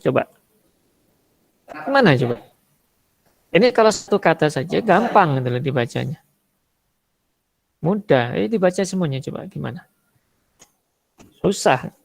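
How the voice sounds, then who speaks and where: Gravelly Indonesian male teacher. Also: fairly high pitch, animated, measured pace, pauses often, dry recording. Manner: conversational, explains with spoken examples. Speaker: religious teacher. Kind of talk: online Arabic rhetoric lesson.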